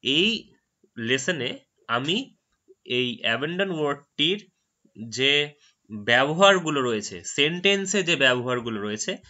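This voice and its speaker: Man, Bengali native speaker, English vocabulary tutorial, bright ringing voice, slightly dull lo-fi sound. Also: mid-range voice, sing-song. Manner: explains patiently, repeats words slowly after a dictionary audio. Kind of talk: screen-recorded tutorial narration.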